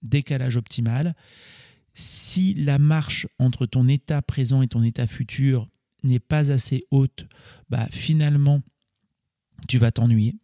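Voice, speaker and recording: Male podcast host, casual coaching talk, gravelly and warm, recorded dry and close. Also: medium pitch, slow pace, dry recording. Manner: casual, explanatory, self-correcting with small laughs.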